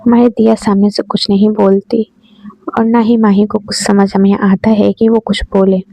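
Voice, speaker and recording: A woman's voice: medium pitch, little pitch movement, moderate pace, creaky, dark tone, no echo. A woman casually retelling a romance story in a chatty, repetitive way, on a dull, dry lo-fi recording.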